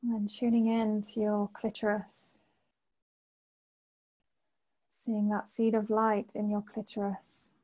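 Female meditation guide, sleep-story narrator feel: soft-toned and mellow, very even pitch, lots of space between phrases. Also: poor audio. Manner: gentle, unhurried phrasing with long pauses.

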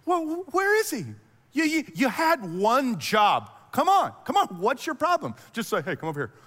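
A man's voice: lively intonation, rapid-fire, bright, forceful tone. A man voicing exasperated male religious leaders who scold and mock, in a reverberant hall. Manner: shrill, impatient and mocking.

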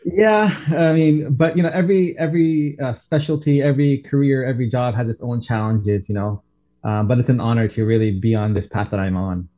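A man who grew up in Saudi Arabia speaks as a doctor guest on a radio show, his voice mellow and warm. He explains at a measured pace, padding his answers with "you know" and "um". The sound is slightly dull. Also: mid-range voice. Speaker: pain management doctor, guest.

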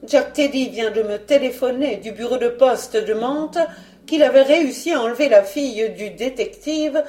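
A woman's voice: on the high side, moderate pace, mellow, echoey room, natural voice. A woman doing an icy elegant villainess. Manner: dry, implacable, ironic. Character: cold scheming female villain, elegant.

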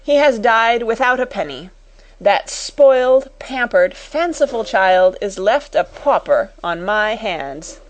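A woman's voice: medium pitch, sing-song, unhurried, hardly any pauses, rough recording. A woman voicing a furious, cold middle-aged schoolmistress in a storybook, with a fierce, bitterly ironic, commanding manner.

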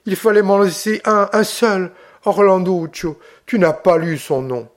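A man voicing a broken, elderly Corsican man who begs hoarsely for mercy. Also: high voice, expressive, unhurried, pitched above the performer's own voice. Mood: pleading. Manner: desperate, begging.

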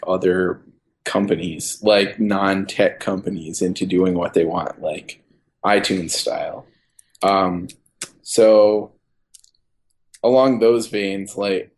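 Slow, low-voiced hesitant man. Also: darkish tone. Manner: hesitant, rambling, says "like" a lot. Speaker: podcast co-host. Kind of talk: casual tech podcast chat.

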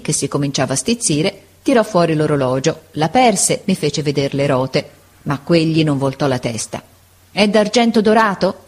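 Female narrator, low register with a husky edge, measured and expressive reading of a classic children's book. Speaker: audiobook reader.

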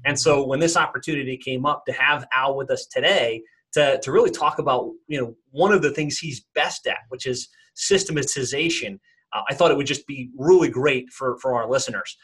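A man's voice: medium pitch, brisk, a bit bright, breathy edge, low-quality recording. A man hosting a podcast interview, introducing his guest with plenty of fillers and repeated words. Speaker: podcast host.

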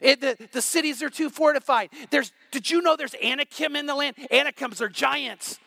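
A male pastor delivers a morning sermon with a strikingly high voice. His tone is bright and forceful, driving each point home with emphatic repetition. The sound is dry and close, with no room echo. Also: moderate pace, creaky. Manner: energetic, emphatic preaching with repetitions.

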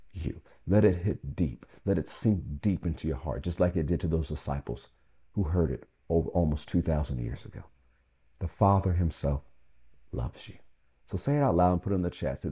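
Man, pastor, devotional sermon, very low voice, husky tone, emphatic. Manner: emphatic, slows and drops to a hush on key phrases; urges listeners to repeat after him.

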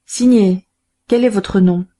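A man's voice: sits high, slow pace, mellow. A woman voicing a scheming, grasping middle-aged crook who gives curt, commanding orders in an audiobook. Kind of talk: audiobook character voice.

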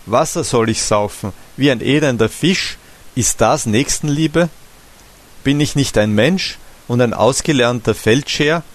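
A man voicing a drunk, ranting village barber who shouts and wails in falsetto in a storybook reading. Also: a little slow, natural voice. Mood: self-pitying.

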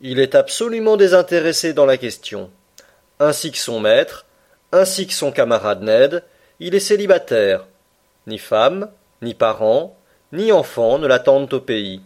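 A man putting on a calm, devoted manservant. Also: medium pitch, measured pace. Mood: placid.

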